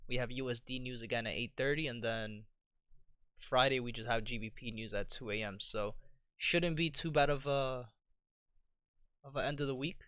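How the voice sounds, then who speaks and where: A man hosting a live trading stream, walking through charts in a relaxed way and often checking in with "you know" and "right?". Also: medium pitch, moderate pace, no echo, dull audio. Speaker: trading livestream host. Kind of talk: live market commentary.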